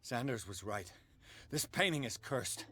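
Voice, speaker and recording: A man's voice: medium pitch, lively intonation, slow pace, bright, forceful tone, slight background noise. A man voicing a weary, haunted male detective in a video game, speaking in a grim, unsettled way. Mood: shaken. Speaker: game character.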